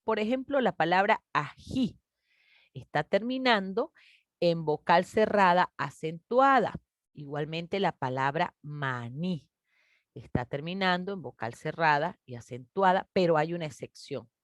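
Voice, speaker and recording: A patient woman teacher walks young pupils through a grammar rule, drawing out each example word. Her voice sits on the low side for a woman. The recording is dry and close, with little room sound. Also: lively intonation, dry recording. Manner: patient, explanatory, addresses children warmly as "mis niños"; stretches out example words slowly. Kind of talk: grade-school grammar lesson.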